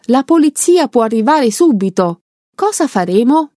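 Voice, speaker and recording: A woman voicing an impatient, bumbling male bank robber who shouts orders, in a read-aloud story. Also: on the high side, very animated, moderate pace, no room sound, clean studio sound, voice pushed up. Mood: panicked.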